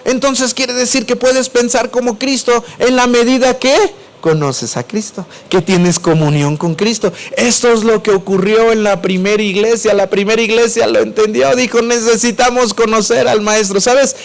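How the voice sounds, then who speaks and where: A preacher with a Mexico City accent and a fairly high voice delivers his sermon to the congregation. He keeps putting questions to them and answering them himself. His voice rises for emphasis and then drops low and soft. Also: steady tone, normal speed. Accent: Mexico City Spanish. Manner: swings between raised and dropped voice.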